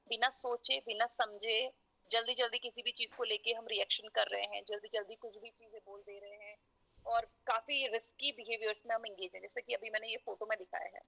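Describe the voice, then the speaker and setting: A woman lecturer in psychology walks through her points one at a time, pausing on fillers and mixing English terms into her explanations. Her voice is somewhat high and bright, with a gravelly fry running through it. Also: poor audio. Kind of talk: recorded university lecture.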